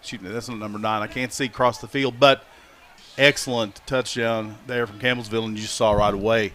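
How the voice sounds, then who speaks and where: A man with an American accent giving color commentary on a high school football game for local radio, chatty and analytical. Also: fairly even intonation, fairly quick, fairly bright tone, a little hiss or hum. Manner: chatty, analytical, drops to asides. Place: high school football stadium broadcast booth.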